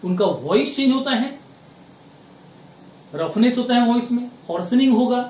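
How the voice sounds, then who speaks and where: Man, teacher, high voice, slow question-and-answer lecturing, roomy echo. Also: animated, a little mellow. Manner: slow, deliberate explaining, asks and answers his own questions. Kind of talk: classroom biology lecture. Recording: echoey room with faint noise.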